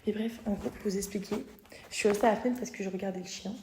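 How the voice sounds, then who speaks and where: A woman's voice: medium pitch, quick pace, slight background noise. A young woman in her twenties chatting dramatically for her travel vlog, filming on her phone outdoors and indoors. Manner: excitable, dramatic, switches to hushed whispering. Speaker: travel vlogger. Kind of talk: casual vlog chat. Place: outdoors on streets and indoors in an apartment.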